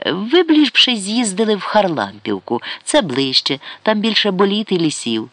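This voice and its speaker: A man's voice: high-pitched, sing-song, normal speed, a bit bright, no room sound, voice pushed up, full character voice. Man doing an irritable, bossy older man. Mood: insistent.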